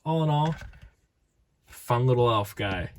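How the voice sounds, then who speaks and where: A man with a medium-pitched, animated voice talks slowly while casually reviewing collectible figures. He rambles, plays around and interrupts himself, sounding tired as his voice starts to give out.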